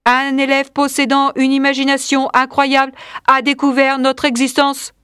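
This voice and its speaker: A woman reading the lines of an android disguised as a male teacher, in a flat, even manner. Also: high-pitched, normal speed, no room sound, studio quality, voice pushed up. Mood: cold. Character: android teacher posing as human, cold and calculating.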